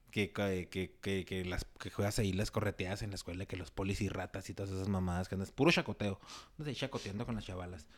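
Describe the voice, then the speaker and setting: A man's voice: fairly low pitch, fairly bright tone. Slangy young Mexican man storyteller. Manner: slangy storyteller with halting restarts. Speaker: podcast co-host. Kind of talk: casual chat.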